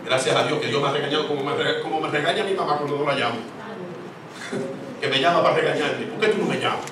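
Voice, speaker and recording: A man's voice: fairly high pitch, a little fast, noisy background. A man preaching a sermon in church, emphatic and repetitive, with call-and-response questions. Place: church sanctuary. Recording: echoey church hall, distant mic, congregation.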